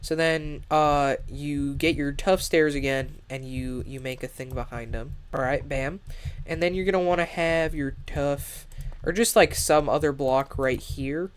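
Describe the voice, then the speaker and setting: Talking through a Minecraft build in a casual gaming voice-over, a young man rambles with frequent fillers and restarts. His congested, nasal voice sits on the high side, with fairly even intonation and a slightly slow pace. The tone is still clear and resonant.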